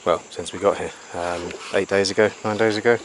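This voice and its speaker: Low-voiced man vlogging outdoors in the jungle. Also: fairly even intonation, a little fast. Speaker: survival diarist presenting to camera. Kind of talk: outdoor vlog, casual explaining to camera. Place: outdoors in jungle beside a river. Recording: faint insect noise, outdoor jungle ambience. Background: jungle ambience with crickets and insects.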